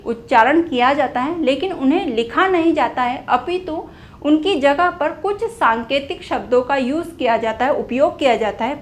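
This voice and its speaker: In this whiteboard grammar lesson, a young woman teaches Hindi in a high voice, asking and answering her own questions and repeating important phrases. There is slight background noise.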